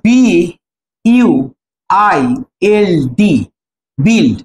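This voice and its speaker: A woman's voice: mid-range voice, lively intonation, very slow, darkish tone, a little hiss or hum. A woman teaching an English grammar class in Bengali, spelling out verb forms letter by letter and checking with her students. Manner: spells words letter by letter, asks students questions. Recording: echoey room with faint ambience.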